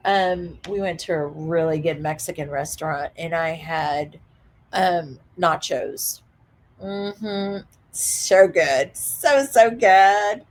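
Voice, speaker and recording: A woman vlogger casually retelling a dramatic story, animated, with frequent laughter. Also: on the low side, takes it slowly, slight background noise. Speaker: reseller vlogger.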